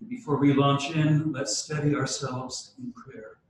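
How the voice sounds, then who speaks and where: A man addresses a church gathering in a measured, formal way and then leads a prayer, now and then catching himself in small halting restarts. His mid-range voice sits well away from the microphone and is swallowed by a deep cathedral echo. A faint room ambience sits beneath it. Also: flat delivery, slight background noise. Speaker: church leader opening a diocesan meeting. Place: large church hall. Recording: cavernous church echo from a distant mic.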